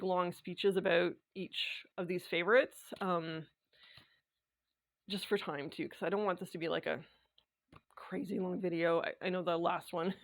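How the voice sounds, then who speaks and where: A woman vlogging in a casual, rambling chat, full of fillers and quick laughs, her voice slightly worn from dry air. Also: lowish voice. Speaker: sewing and knitting vlogger.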